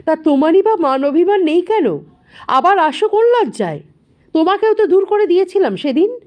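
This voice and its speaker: A woman's voice: on the high side, expressive, slow pace, warm tone. A woman voicing a distraught, mentally ill middle-aged mother who wails, raves and mocks her family. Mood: mocking. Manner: wailing, raving and mocking.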